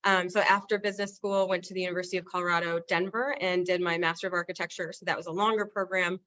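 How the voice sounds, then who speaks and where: A woman's voice: fairly low pitch, steady tone, fast talker, a bit bright. Woman, 30s, from the United States, architect, chatty and upbeat, conversational interview, muffled lo-fi sound. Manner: upbeat and chatty, laughs while she talks. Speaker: architect, studio co-founder.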